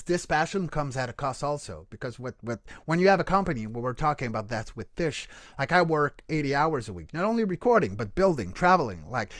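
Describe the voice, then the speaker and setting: A medium-pitched man, a voice coach and creature performer, is heard at studio quality with no echo. He answers questions on a video call in a casual Q&A, earnest and explanatory, with frequent restarts and self-corrections.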